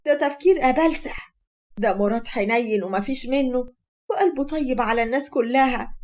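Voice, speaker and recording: A woman voicing a sharp-tongued middle-aged Egyptian mother-in-law who scolds and insults her son-in-law. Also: a little high, close to an everyday voice. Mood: outraged.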